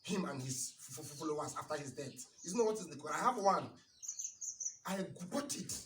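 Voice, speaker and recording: A man giving an impassioned lecture-sermon, hammering rhetorical questions and swinging between loud bursts and low asides. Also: expressive, brisk, slight background noise. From Nigeria. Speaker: lecturer on religion and culture. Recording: roomy, distant mic, faint birdsong behind.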